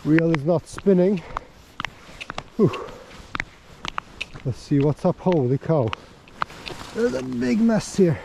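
An excitable man narrating his ice fishing out on a frozen lake, out of breath and talking straight to his viewers. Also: sits high, slow, gravelly, pauses often, background noise. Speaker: fishing vlogger. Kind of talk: excited live commentary while ice fishing.

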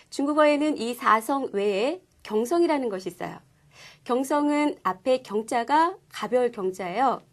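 A woman teaching a language class, explaining pronunciation clearly and patiently. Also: on the high side. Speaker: Korean-speaking Chinese language teacher. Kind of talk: scripted lesson presentation.

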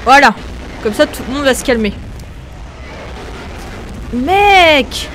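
A young woman hosting a video game, commenting excitably, often shrieking and laughing. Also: high voice, takes it slowly, a little hiss or hum. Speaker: gaming video host.

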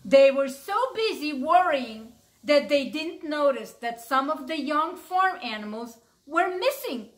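A woman teacher reading a story aloud to young children, animated and asking them questions as she goes. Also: high-pitched, a little slow.

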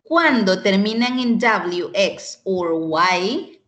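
A woman teaching an online English lesson, explaining slowly and patiently and often checking in with "ok?". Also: medium pitch, animated. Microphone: computer mic on a video call.

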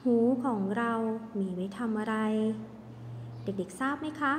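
Lady teacher talking slow and sweet to little kids, kinda high voice, big echoey room w/ long reverb. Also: animated, slight background noise. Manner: gentle, sing-song, speaks slowly to children. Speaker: kindergarten teacher. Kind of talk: online lesson for young children.

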